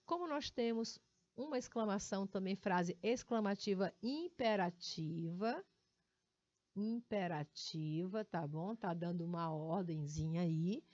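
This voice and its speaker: A woman's voice: medium pitch, a little slow, darkish tone, no echo. A woman with a Brazilian accent teaching a grammar lesson, explaining step by step and checking in with frequent tag questions. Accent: Brazilian Portuguese. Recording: dull lo-fi audio.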